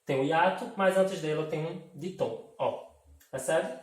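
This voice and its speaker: A man's voice: a little high, moderate pace. A man with a Brazilian accent teaching a Portuguese grammar lesson, explaining step by step and often checking that the class is following. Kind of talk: grammar lesson for an online course. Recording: roomy echo, mic at a distance.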